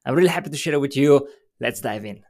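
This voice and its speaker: A man's voice: medium pitch, animated, quick pace, creaky, darkish tone. Eager man hosting a podcast. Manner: eager, talkative questioner. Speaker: podcast host. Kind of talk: casual interview.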